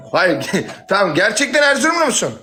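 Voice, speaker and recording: A man hosting a livestream, teasing his guest and breaking into loud shouting. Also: sits high, wildly swooping pitch, normal speed, faint music behind. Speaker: livestream host. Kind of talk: rowdy livestream banter.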